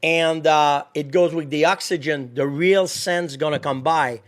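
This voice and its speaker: Man, French accent, native French speaker, animated podcast guest, laughs often, high voice. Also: unhurried. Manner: animated, laughs often, searches for English words. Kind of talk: casual interview.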